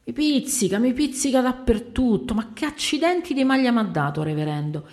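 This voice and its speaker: A woman voicing a brash, bearded male porter who talks loud, teasing and impudent. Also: a little high, lively intonation, normal speed, voice pushed up, close to an everyday voice. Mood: cheeky.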